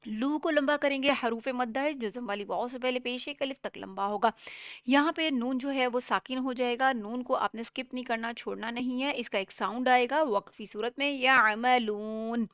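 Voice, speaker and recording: Woman, Quran teacher, slightly high voice, dry dull lo-fi sound, slow drawn-out recitation then patient rule-by-rule explanation. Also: smooth, dry recording. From Pakistan. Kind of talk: tajweed lesson. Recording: dull lo-fi recording.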